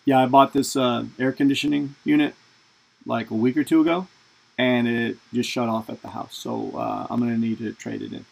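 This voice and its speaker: A man putting on his pushy, foul-mouthed father with a Boston accent, gruff and sarcastic, in a told story. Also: mid-range voice, steady tone, normal speed, darkish tone, poor audio. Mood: scheming.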